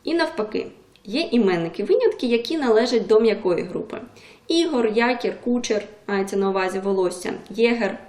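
A woman's voice: on the high side, fairly quick, echoey room. A woman video tutor explaining a lesson, stressing her example words. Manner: lively, emphatic on example words.

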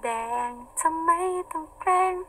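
A young woman with a husky voice, chatting casually on a live stream, reading out viewer comments and laughing often. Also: unhurried, a bit bright, slight background noise, poor audio. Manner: chatty, giggly, playful. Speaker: idol singer on a live stream.

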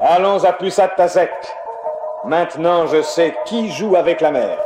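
A man's voice: a little high, a little slow, lightly acted. An actor playing the eldest magician, an old and wise man who asks solemn, ceremonial questions in a radio play. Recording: roomy echo, background music.

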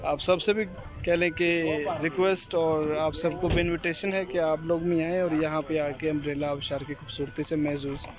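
A man's voice: a little high, little pitch movement, normal speed, music in the background. A young man from Pakistan holding a phone at arm's length outdoors, talking to viewers in a chatty, promotional way as a travel vlogger and tour organizer. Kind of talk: selfie travel vlog. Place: outdoors by a road and on a hill trail. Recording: noisy outdoor phone recording.

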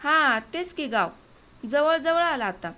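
A blunt village man who orders his companion about in short, teasing lines, read by a woman. The voice sits high and bright, an audiobook storyteller barely shifting her own voice for him. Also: lively intonation, slow pace, heavily acted. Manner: blunt, bossy village talk. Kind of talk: audiobook dialogue reading.

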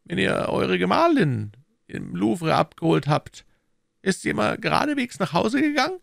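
A man's voice: high-pitched, sing-song, moderate pace, creaky, dry recording, clean studio sound, pitched above the performer's own voice, full character voice. A man voicing an imperious, scheming older cardinal who questions sharply, in a storybook reading. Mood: probing. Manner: sharp, probing interrogation.

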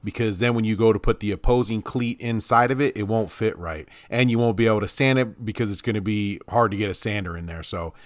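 Talking fast with few pauses, this middle-aged man hosts a woodworking channel from his small garage shop, his pitch fairly low. He rambles through casual how-to chat with self-deprecating jokes, picked up by a clip-on mic.

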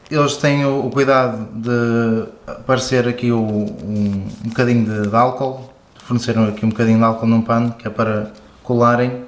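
With music playing behind him in an echoey room, a European Portuguese-accented man walks through and reviews a product informally, explaining as he goes. His voice is mid-range, and there's a bit of hiss or hum.

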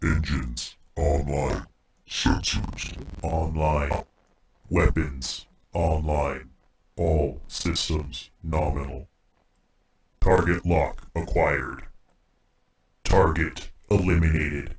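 A man voicing a deep robot through a low pitch-shifting robot filter, with flat clipped reports. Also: drawn-out words, vocal fry, long pauses, roomy sound, far from the mic, a little hiss or hum, full character voice. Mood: mechanical. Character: deep-voiced robot, also garbled reversed alien.

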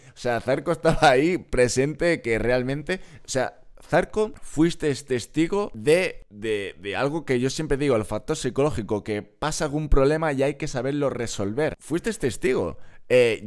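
A man, casually reacting to a hiking video as a streamer, chatty and digressive with many fillers and restarts. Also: medium pitch.

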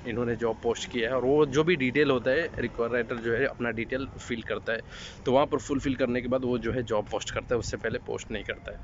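A man's voice: medium pitch, dull audio, a little hiss or hum. Young man vlogging outdoors at night. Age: young adult. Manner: hesitant, many fillers and restarts. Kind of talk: casual talk to camera. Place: outdoors at night, parking lot. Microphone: phone camera, then selfie at arm's length.

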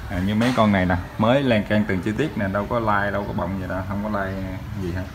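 A man with a southern Vietnamese accent giving a chatty, hesitant used-vehicle salesman's pitch in a casual walkaround, filmed by handheld phone in a showroom. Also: fairly even intonation, fast. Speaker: used motorbike shop salesman. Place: tiled motorbike showroom. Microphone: handheld phone behind camera. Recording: noisy handheld recording with vehicle sounds.

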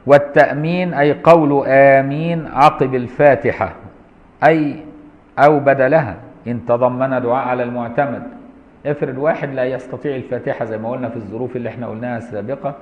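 A man's voice: medium pitch, steady tone, fast. A man with an Egyptian accent teaching Islamic law to a class, reading a text and adding colloquial, mocking asides. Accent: Egyptian Arabic. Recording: roomy lo-fi lecture hall recording.

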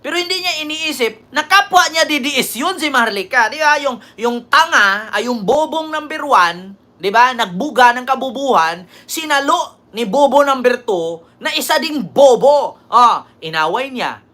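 A woman's voice: high voice, expressive, moderate pace, bright, forceful tone. A woman hosting a political commentary show, mocking and scornful, constantly asking her listeners for agreement.

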